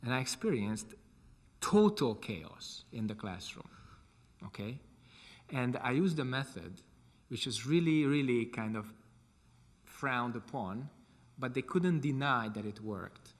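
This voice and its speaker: Hungarian-accented monk lecturing in a reverberant hall. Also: male voice, mid-range voice, lively intonation, measured pace. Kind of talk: lecture with question and answer.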